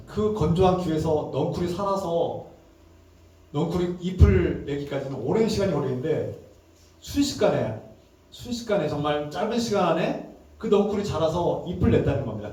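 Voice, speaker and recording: A man's voice: a little high, animated, brisk, dark tone. Preaching man in a very echoey hall. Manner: emphatic preaching, acts out angry prayers in a raised voice. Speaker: pastor. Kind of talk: sermon. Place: church sanctuary. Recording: echoey church hall, mic at a distance.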